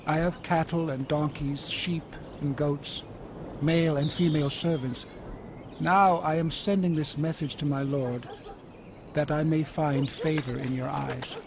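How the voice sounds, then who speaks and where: Jacob, an earnest, higher-voiced patriarch. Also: male voice, steady tone, a little slow, noisy background. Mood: humble, instructing. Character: Jacob, anxious humble herdsman patriarch pleading and commanding. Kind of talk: Bible audio drama acting. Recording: music behind the voice.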